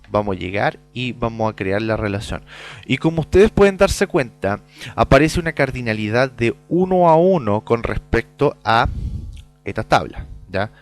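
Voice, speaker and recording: Guy doing a software tutorial, keeps checking in w the viewer, soft music under it. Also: medium pitch. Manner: explanatory, peppers lines with "¿ya?"; mutters quietly while typing in sample data. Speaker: software course instructor. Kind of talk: screencast tutorial.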